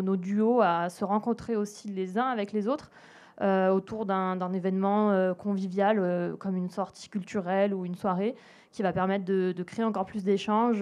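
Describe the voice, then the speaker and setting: A woman's voice: medium pitch, a little mellow. A woman explaining a mentoring program for refugees at a public talk, with many hesitant fillers. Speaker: charity program speaker. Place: event hall with an audience.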